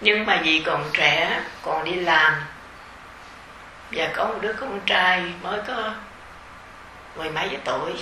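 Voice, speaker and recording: Slow, bright-voiced Southern Vietnamese woman teacher. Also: on the low side, echoey room, slight background noise, poor audio. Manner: gentle, unhurried, conversational with soft fillers. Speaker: meditation teacher leading a retreat. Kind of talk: informal dharma talk to retreat participants.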